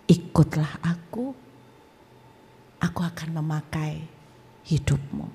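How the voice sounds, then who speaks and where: A woman voicing a calm, loving male divine voice that speaks low and slowly in a hush. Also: creaky, breathy edge, in a large hall, full character voice. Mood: tender.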